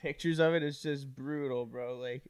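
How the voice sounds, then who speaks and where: A man's voice: medium pitch, steady tone, smooth, dry recording. A man co-hosting a casual joking podcast, slangy and repeating himself as he goes. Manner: slangy, bro-heavy, halting repetition. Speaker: podcast co-host.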